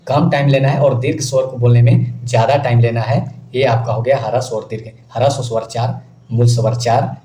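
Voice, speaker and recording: Male exam-prep teacher, mellow tone, recorded in an echoey room with faint noise behind. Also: medium pitch. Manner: repeats questions to the class, often asks "clear?". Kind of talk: exam-prep grammar lesson.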